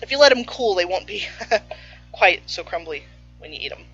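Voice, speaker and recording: Playful woman host, chatty kitchen banter, bright voice, slightly dull recording with faint music. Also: fairly low pitch, lively intonation, moderate pace, husky. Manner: chatty and playful, talks with her mouth full. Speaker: baking show host. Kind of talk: casual cooking stream. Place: home kitchen.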